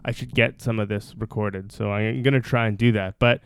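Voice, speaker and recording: A man from Toronto hosting a casual podcast chat, relaxed and rambling with fillers. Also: lowish voice, brisk, gravelly, clean tone, no room sound, clean studio sound. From Toronto, Canada. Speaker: podcast host.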